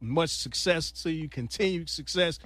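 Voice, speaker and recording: A man's voice: a little high, normal speed, a bit bright, no echo. A man hosting a radio interview, talking eagerly and conversationally like a fan. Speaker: radio host.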